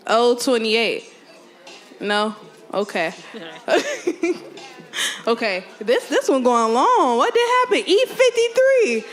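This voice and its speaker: A young woman calls bingo numbers into a handheld microphone in an indoor event hall, drawing out each call slowly and repeating it. Her voice sits high and swings widely in pitch as she laughs and teases the crowd. Faint music plays behind her. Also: very animated, a bit bright. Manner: slow, repeats every number, laughs often, jokes with the crowd. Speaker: bingo caller.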